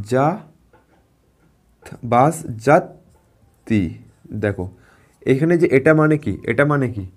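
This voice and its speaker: A man's voice: mid-range voice, a little mellow. Male teacher from West Bengal, patient classroom explainer who repeats words and drills syllables. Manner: patient, repeats words and asks students questions; drawn-out syllable-by-syllable pronunciation. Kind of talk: grammar lesson.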